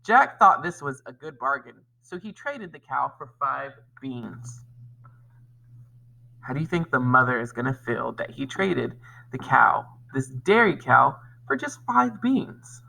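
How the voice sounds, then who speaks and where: Teaching young children, this man presents a lesson and reads to the class in a sing-song, measured way, with bright, forward tone, freely shifting pitch and some vocal fry. He's expressive and talks straight to the pupils. The audio is poor.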